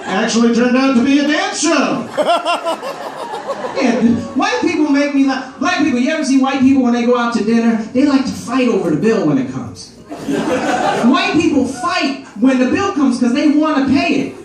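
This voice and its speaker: High-voiced man doing stand-up in an echoey theater. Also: normal speed. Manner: animated, acts out characters in shifting voices. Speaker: stand-up comedian. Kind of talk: stand-up comedy set. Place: large theater stage. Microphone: handheld mic, filmed from the audience. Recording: roomy echo, far from camera, loud crowd noise. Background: laughing crowd.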